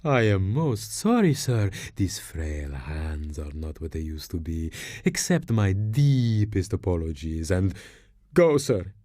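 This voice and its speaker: A man's voice: deep voice, sing-song, slow pace, warm tone, dry recording, clean studio sound, exaggerated voice. A man playing a frail, nervous old barber in a Western video game, obsequious and hesitant with muttered hums. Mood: servile, apologetic. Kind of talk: video game character acting.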